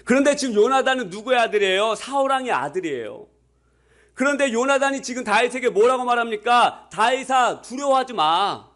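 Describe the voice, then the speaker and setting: A man preaches as pastor in a high-pitched voice. He keeps asking the congregation rhetorical questions and leads them in reading scripture aloud. When he quotes people, he slips into a plain everyday voice. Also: expressive, a little fast, a bit bright. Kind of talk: sermon.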